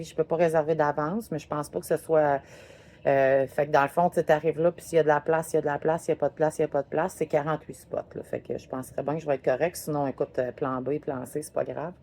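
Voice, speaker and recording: A woman with a low voice and a Québécois French accent talks through her day on the road. Her talk is loose and rambling, full of filler words. She chats to her viewers from a parked RV. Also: a little mellow. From Quebec, Canada. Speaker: RV travel vlogger. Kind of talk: casual travel vlog recap. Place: parked RV in a parking lot.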